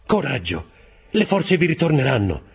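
A man's voice: on the high side, very animated, moderate pace, husky, soft background music, voice pushed up, exaggerated voice. A man doing an impassioned young prisoner. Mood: earnest. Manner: urgent, exclamatory. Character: young male prisoner, loyal and passionate.

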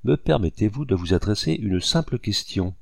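Man reading young French lieutenant, principled, coolly polite, gravelly, dry audiobook sound. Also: on the low side, expressive, moderate pace, no echo, heavily acted. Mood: earnest.

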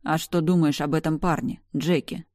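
A woman reading an audiobook, voicing a tender young brother who appears in a dream, speaking softly and calmly. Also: sits low, normal speed, dry recording, studio quality, natural voice. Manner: soft, calm and affectionate.

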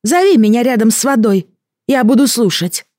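A woman reading an audiobook, voicing a small, bony male water creature with a bubbling voice and odd, halting speech. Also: fairly high pitch, lively intonation, dark tone, no echo, clean studio sound, pitched above the performer's own voice, natural voice. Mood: triumphant. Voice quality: gurgling. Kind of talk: audiobook character voice.

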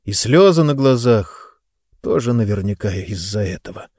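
A man narrating an audiobook with an expressive reading. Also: fairly low pitch, normal speed, no echo, studio quality. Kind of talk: scripted narration.

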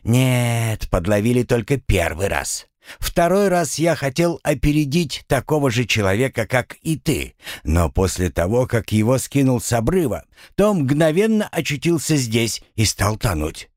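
A man's voice: mid-range voice, sing-song, unhurried, a little mellow, no room sound, studio quality, pitched above the performer's own voice. A man doing a grumbling drowned spirit. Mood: flustered. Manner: complaining, exasperated. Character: drowned man's spirit, grumbling, self-pitying, wry. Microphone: close studio mic.

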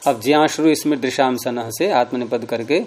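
A man gives a patient classroom lesson at a middle pitch. He repeats each form carefully before explaining the rule. A faint hiss sits under his voice. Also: a little mellow. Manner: patient, repeats forms slowly and explains step by step. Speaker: Sanskrit grammar teacher.

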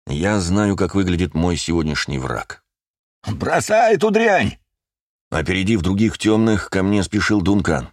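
A man narrates a first-person audiobook in a measured, steady voice. His pitch is deep and low, and the recording is dry and close, with no room reverb.

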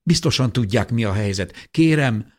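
A man's voice: mid-range voice, lively intonation, a little mellow, voice pushed up, close to an everyday voice. A man voicing a wounded, desperate mother who urgently pleads with a neighbour for shelter. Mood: pleading.

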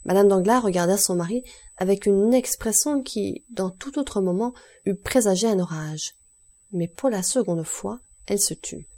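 A woman reading a classic novel aloud as an audiobook narrator, in clear, measured storytelling. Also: medium pitch, dark tone. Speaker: audiobook reader. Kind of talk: scripted narration.

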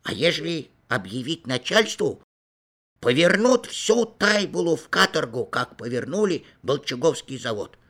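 A male audiobook narrator reading a classic story. His delivery is expressive and storytelling in manner. His pitch moves in wide, lively swings. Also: a little slow.

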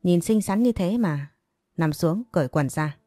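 Woman reading as a scornful older woman doctor, lecturing, low dark voice. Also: lively intonation, unhurried, no echo, clean studio sound, soft background music.

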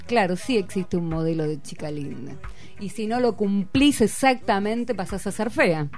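Soft background music plays as a woman speaks at normal speed, her medium-pitched voice expressive and a little mellow. With an Argentine Rioplatense accent, she hosts a casual classroom radio show, drawing out the schoolchildren with encouraging questions.

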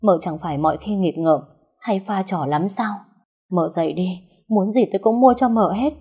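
A woman's voice: medium pitch, moderate pace, husky. A woman voicing a devoted young husband who pleads tearfully with his dying wife in a storybook reading. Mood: desperate. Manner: tearful pleading, soft murmuring at night.

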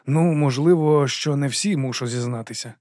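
Young male monk, calm, measured, close dry voice, audiobook figure, read by a man. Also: medium pitch, dry recording, lightly acted.

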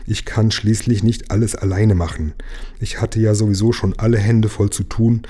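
A man reads as a fussy storybook king, pompous and fretful, weighing every decree with sighs. The voice is low, mellow and husky, and it rises a little above the reader's own. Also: steady tone, normal speed. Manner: sighing, self-important official tone.

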